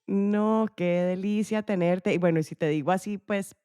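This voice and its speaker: A woman's voice: mid-range voice, normal speed, dark tone, clean tone, no echo, clean studio sound. A woman hosting a podcast interview, chatty and enthusiastic, with fillers and restarts. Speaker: podcast host. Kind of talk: casual interview.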